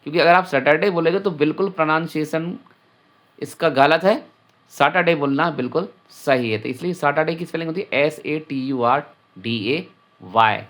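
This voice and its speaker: A male teacher leads a children's English lesson, talking straight to the kids and spelling each word out letter by letter before repeating it. His voice is a little high and fairly bright, at a normal pace.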